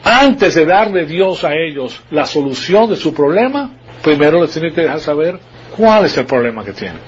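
A man's voice: a little high, very animated, normal speed, dull audio, slight background noise. A man preaching an expository Bible sermon, explaining patiently and asking the congregation rhetorical questions.

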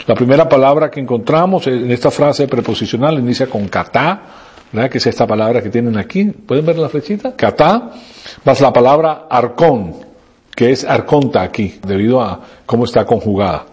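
A man's voice: medium pitch, darkish tone, husky. A man teaching a Bible study to a small group, explaining Greek words and asking them questions as he goes. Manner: explanatory, quizzes listeners.

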